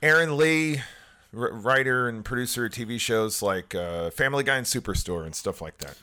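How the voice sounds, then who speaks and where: A man who writes TV comedy, talking animatedly as a podcast guest in casual chat, with quick laughing asides. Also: medium pitch, bright, forceful tone, clear, resonant tone.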